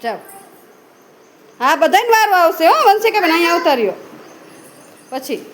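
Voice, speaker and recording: A woman teacher giving brisk, repeated commands and quick praise while she leads young children in a guessing game in a room full of kids. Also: very high voice, very animated.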